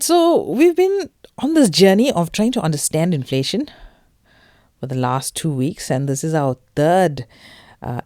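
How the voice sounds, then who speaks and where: A woman's voice: low-pitched, a little mellow, no room sound, clean studio sound. Woman podcast host with Durban Indian accent. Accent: Durban Indian English. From South Africa. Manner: emphatic, direct address to listeners with rhetorical questions. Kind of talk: conversational financial podcast presenting.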